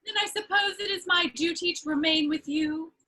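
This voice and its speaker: An actress with a very high, bright and forceful voice speaks at a moderate pace. In a dramatic reading of a stage comedy of manners, she plays a witty, teasing young society lady, arch, theatrical and playfully scolding.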